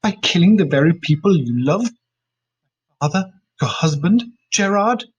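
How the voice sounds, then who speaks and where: A man's voice: medium pitch, animated, a little fast, a bit bright, husky, lo-fi sound. A man voicing a firm, defiant grown daughter in a storybook reading.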